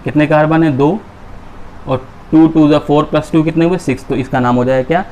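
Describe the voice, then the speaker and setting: In a classroom chemistry lecture, a man with a fairly high, darkish voice speaks at normal speed with fairly even intonation. He keeps asking his students questions and then answering them himself, over a little hiss or hum.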